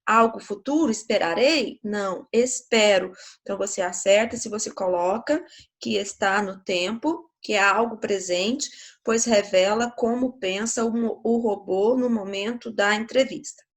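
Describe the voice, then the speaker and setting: A woman's voice: medium pitch, measured pace. A woman teacher with a Brazilian Portuguese accent, giving a grammar lesson to schoolchildren in a patient, explanatory way, often checking in with the class.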